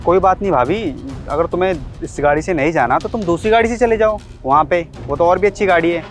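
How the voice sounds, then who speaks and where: A man's voice: sits high, quick pace. A man acting a younger brother-in-law who insistently urges his sister-in-law. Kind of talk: scripted short-video drama acting. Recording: faint background music.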